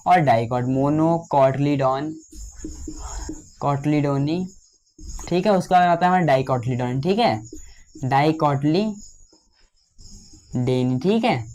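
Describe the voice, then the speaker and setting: Young male biology tutor, fairly high voice, drags out key words to dictate notes. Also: darkish tone, a little hiss or hum. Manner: slow, drawn-out dictation of key terms; repeats fillers addressing students as children. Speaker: biology teacher. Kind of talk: lecture.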